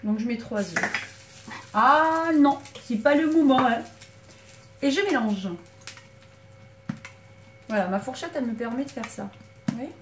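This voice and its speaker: A woman's voice: fairly high pitch, expressive, unhurried, pauses often. A woman giving a casual cooking demonstration in her small back kitchen, chatting to viewers as she works, with a slight frog in her throat. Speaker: home cook. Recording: echoey kitchen, mic far off, loud background noise. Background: clattering pans and utensils.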